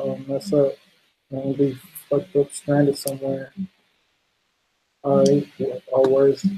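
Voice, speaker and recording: A man's voice: on the high side, a little mellow, slight background noise, low-quality recording. A man hosting a casual late-night livestream, laid-back and laughing often as he reads out viewer comments. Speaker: livestream host.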